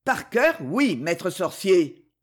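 A man's voice: high voice, big pitch swings, slow pace, heavily acted. A man reading the part of an eager, timid male dwarf servant in an audiobook, talking in a flustered way. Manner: flustered, stammering.

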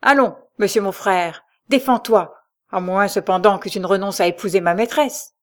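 A woman voicing a defiant young officer in an audiobook, with calm, cold-blooded delivery. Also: medium pitch, moderate pace, close to an everyday voice. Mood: coldly defiant. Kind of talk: audiobook dialogue reading.

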